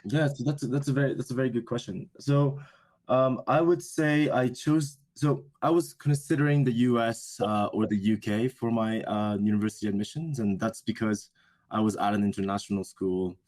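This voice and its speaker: With a mid-range, darkish voice, fairly even intonation, and normal speed, a young man answers interview questions. He's a business school student whose first language is Japanese, and he comes across as thoughtful and hesitant, frequently self-correcting.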